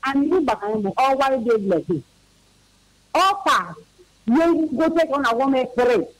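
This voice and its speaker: Man, very high voice, rambling correspondent on a radio call-in, dry sound. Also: expressive, no echo, low-quality recording. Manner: rambling, halting.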